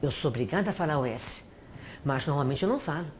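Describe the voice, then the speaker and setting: A middle-aged woman from Brazil, a French teacher and author, giving pronunciation tips and repeating words slowly to demonstrate them. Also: low voice, lively intonation, slight background noise. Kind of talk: spoken language tips to students.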